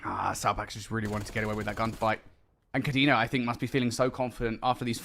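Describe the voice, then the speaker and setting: A man commentating live on an esports match, excitable and given to exclaiming at big plays. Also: mid-range voice, slight background noise. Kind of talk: live esports play-by-play and analysis.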